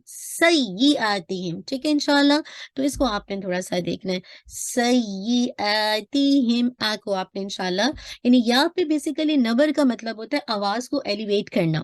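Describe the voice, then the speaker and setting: A woman teaching Quran recitation, who explains each rule patiently and then slowly sounds out each word as an example. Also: high voice, dry recording, studio quality. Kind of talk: recitation lesson.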